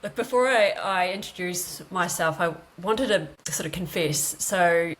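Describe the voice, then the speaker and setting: A woman's voice: on the low side, unhurried, fairly bright tone, poor audio. A woman in her late thirties with a broad New Zealand accent, telling her own story conversationally as an interview guest. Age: late 30s. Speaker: guest, paramedic.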